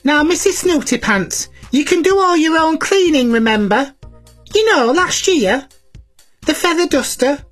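Chatty old granny as a woman's character, high-pitched, homely. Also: lively intonation, unhurried, faint music behind. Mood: cheery. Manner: chatty, cheeky, talks to children at home. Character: chatty elderly granny cleaner, cheeky and homely. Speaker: children's show presenter in character.

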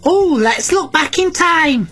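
A woman's voice: high-pitched, animated, takes it slowly, fairly bright tone, faint music behind, full character voice. Woman playing a cheeky granny. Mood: cheery. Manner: chatty, cheeky, talks to children at home. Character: chatty elderly granny cleaner, cheeky and homely. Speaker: children's show presenter in character.

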